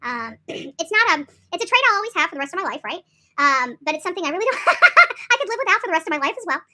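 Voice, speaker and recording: Against background noise, a woman in her 40s speaks fast in a very high, very animated voice, vlogging stories to the camera from a small room. She leans on emphasis, repeats herself, and keeps tossing in "right?" and "okay?" as she goes.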